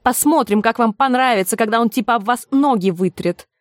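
A woman's voice: a little high, a little fast, dry recording, clean studio sound, pitched above the performer's own voice, natural voice. Woman doing a brash young street football lad. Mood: taunting. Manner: rude, slangy, taunting.

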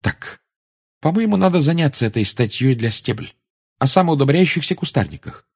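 A man's voice: on the high side, lively intonation, normal speed, slightly rough, pitched above the performer's own voice. A man reading aloud and voicing a clever, anxious, bossy schoolgirl witch in a storybook reading.

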